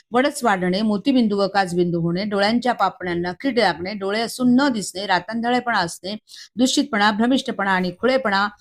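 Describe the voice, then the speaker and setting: A woman reads a devotional text aloud at an even, measured rate. Her voice sits in an ordinary middle register. She works through a long list with small slips and restarts. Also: medium pitch. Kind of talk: reading a Marathi scripture commentary aloud.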